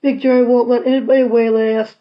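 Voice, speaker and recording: A calm, reassuring pioneer father out of a storybook, read by a woman in a plain, matter-of-fact tone. The voice sits fairly high and the recording sounds slightly dull and lo-fi. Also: fast, close to an everyday voice.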